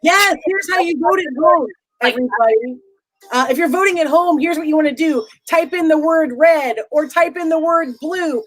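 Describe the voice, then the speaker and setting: A woman's voice: extremely high pitch, normal speed, dry recording, low-quality recording. A woman on the show's crew, chatting eagerly and telling viewers how to vote over a video call. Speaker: show crew member running music. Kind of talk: casual stream announcing.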